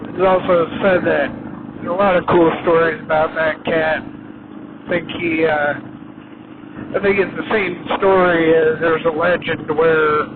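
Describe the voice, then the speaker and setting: Riding a motorcycle on the highway, a man gives casual motovlog commentary from inside his helmet, halting and unhurried with many pauses. His voice is a little high and flat, muffled by the helmet, with loud engine and road wind noise in the background.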